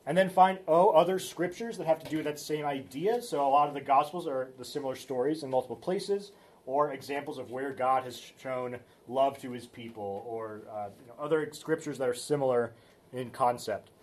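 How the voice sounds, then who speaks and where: A man's voice: mid-range voice, fairly quick, darkish tone. A man teaching a Bible study in a loose, conversational way, with frequent fillers and restarts. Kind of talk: casual teaching talk.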